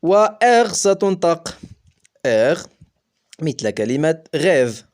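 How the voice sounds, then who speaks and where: Male French teacher, fairly high voice, very slow deliberate pace, spells out letters. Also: sing-song, a little mellow. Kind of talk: pronunciation lesson.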